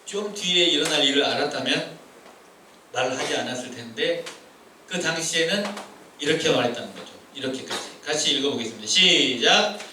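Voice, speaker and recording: A man preaching a sermon to high-schoolers in a casual, conversational way, asking them questions and acting out complaining voices. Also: a little fast, a little hiss or hum. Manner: conversational, asks the students questions; acts out complaining voices, shifting loud and soft. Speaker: youth pastor. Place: church hall. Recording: echoey room from far off.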